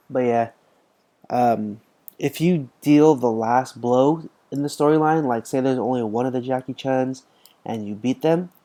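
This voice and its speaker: A man's voice: mid-range voice, warm tone. A tired young man rambling casually as he comments on a mobile game he is playing, full of fillers and restarts. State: tired, yawning. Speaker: gaming channel host.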